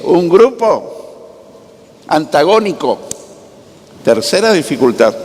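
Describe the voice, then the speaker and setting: Slow, high-voiced preacher in a hall. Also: male voice. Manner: slow, dramatic preaching with sudden rises to a near shout. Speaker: pastor. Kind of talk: sermon. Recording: long hall reverb.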